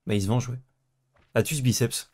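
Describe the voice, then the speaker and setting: A young man co-hosting a card game video, chatting casually and playfully with bursts of excited exclamations. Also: mid-range voice, brisk. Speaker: co-host and card game player. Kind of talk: casual gameplay chat.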